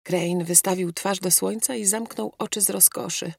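A woman narrating an audiobook in a measured, reflective way, close to a studio mic. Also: mid-range voice, steady tone, gravelly, a little mellow, husky, no room sound. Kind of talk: scripted narration.

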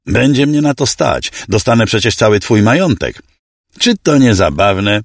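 A man's voice: fairly low pitch, very animated, moderate pace, no room sound, clean studio sound, pitched above the performer's own voice. A man voicing a cruel, greedy young nobleman who speaks coldly and with menace in an audiobook story. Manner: cold, sneering, menacing.

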